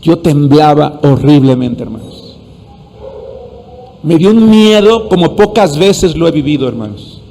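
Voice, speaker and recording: High-voiced pastor preaching. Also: male voice, lively intonation, unhurried, gravelly, mellow, slight background noise. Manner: storytelling, addresses listeners often, repeats words when searching. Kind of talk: sermon. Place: church sanctuary. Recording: long hall reverb.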